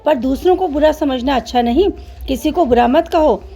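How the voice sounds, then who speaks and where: A woman's voice: high-pitched, moderate pace. Woman voicing a patient sister needle. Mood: reasoning. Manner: gentle, reasoning, sisterly. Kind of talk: children's storybook acting.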